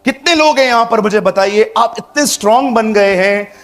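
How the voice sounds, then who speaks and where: A man preaching a sermon in a lively way, repeating phrases and firing questions at the congregation. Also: sits high, moderate pace, faint music behind.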